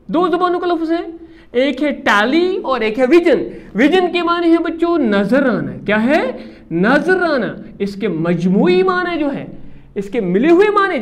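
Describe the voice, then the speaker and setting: A man teaching a class of schoolchildren, repeating key words and quizzing the pupils as he goes. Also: very high voice. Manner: emphatic, stretches words for stress. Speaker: Urdu teacher. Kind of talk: classroom lecture to children.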